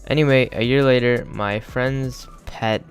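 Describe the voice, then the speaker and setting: A man's voice: medium pitch, fairly even intonation, measured pace, faint music behind. A young man telling a crude, joking story in a rambling, casual way, full of fillers.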